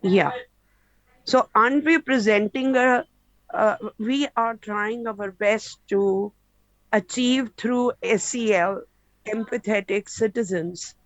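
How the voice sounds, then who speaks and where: A woman asking a question in a webinar, earnest and measured, stretching her key words. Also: fairly high pitch, no echo. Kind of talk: question in an online Q&A. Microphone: video call. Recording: dull lo-fi call audio.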